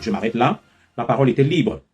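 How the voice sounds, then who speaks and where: A tired man hosts a live call-in and speaks in measured, repetitive phrases. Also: medium pitch, animated, darkish tone, breathy edge, dull audio, faint music behind. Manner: measured, repeats himself, closes with "voilà". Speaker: live-stream host taking calls.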